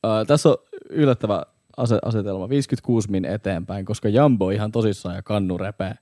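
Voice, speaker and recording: Podcast host, male, deep and warm, dry mic; casual, cussing talker. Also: dry recording. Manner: swearing, reads out episode timestamps. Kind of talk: casual chat.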